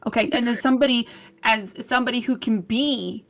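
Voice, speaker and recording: A woman's voice: on the high side, brisk, fairly bright tone. A woman playing a tabletop game, blunt and sarcastic as she scolds another character. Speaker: player.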